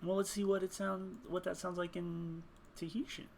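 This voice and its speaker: A man's voice: high voice, flat delivery, normal speed, gravelly, a little hiss or hum. A man thinking aloud as he builds a game character, rambling, muttering and chuckling at his own jokes while he types. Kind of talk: casual thinking aloud while searching online.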